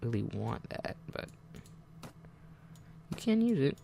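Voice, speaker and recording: A man's voice: mid-range voice, big pitch swings, takes it slowly, creaky, dark tone, a little hiss or hum. A man giving rambling, self-deprecating let's-play commentary, often muttering asides to himself over faint game music. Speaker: gaming channel host.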